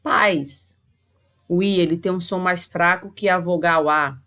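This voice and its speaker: A woman teacher with a Brazilian Portuguese accent giving a recorded lesson to sixth graders, spelling out sounds slowly and carefully. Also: fairly low pitch, fairly even intonation, fairly bright tone, clear, resonant tone.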